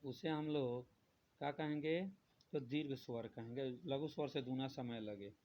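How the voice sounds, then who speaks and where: A man teaches a grammar lesson at a mid-range pitch. He repeats his points and poses questions he then answers. The recording is dull and lo-fi, with faint noise underneath. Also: unhurried. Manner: repetitive, asks questions then answers them.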